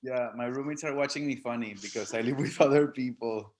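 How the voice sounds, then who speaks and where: A man with a medium-pitched voice talks over a video call. He explains his thoughts carefully and at length. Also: fairly quick, a little mellow, a little hiss or hum. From Venezuela. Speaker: participant.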